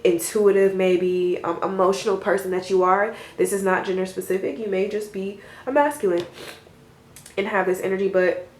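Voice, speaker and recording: A woman's voice: medium pitch, fairly even intonation, normal speed, slight background noise. A woman doing a casual tarot reading for her viewers, rambling and reassuring, with frequent fillers and small laughs. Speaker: tarot reader. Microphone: camera mic. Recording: roomy echo.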